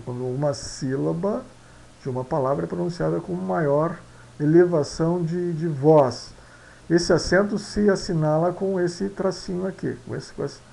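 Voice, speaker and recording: A man explaining Latin pronunciation slowly and repetitively, mixing in Spanish phrases and often asking "né?". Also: fairly high pitch, gravelly, dark tone, low-quality recording. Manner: slow, repetitive, tag questions after each point; mixes Spanish phrases into Portuguese. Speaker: language teacher.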